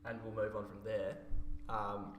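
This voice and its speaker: A man's voice: fairly low pitch, little pitch movement, a little slow. A man co-hosting a podcast, drily steering the talk along. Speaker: podcast co-host. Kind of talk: casual chat. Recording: distant mic, echoey, noisy room.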